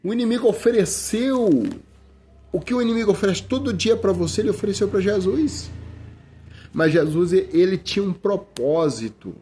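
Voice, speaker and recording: There's a faint hiss or hum as a middle-aged Brazilian preacher, speaking with a Brazilian Portuguese accent, gives a casual sermon full of restarts and frequent calls of "brother." His high-pitched voice is expressive and warm, at normal speed.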